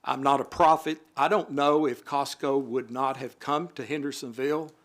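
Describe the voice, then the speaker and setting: A man's voice: medium pitch, fairly even intonation, moderate pace, fairly bright tone. A man on a city board, reading prepared remarks at a council meeting in a formal manner. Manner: formal, reads prepared remarks with occasional asides. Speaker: city alderman.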